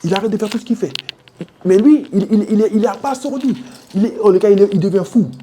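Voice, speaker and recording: A man's voice: sits high, quick pace, warm tone, a little hiss or hum. A man from French Guiana with a French Guianese accent, telling his own story in an interview, slangy and vivid, making sound effects and calling the listener brother. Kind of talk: animated personal storytelling.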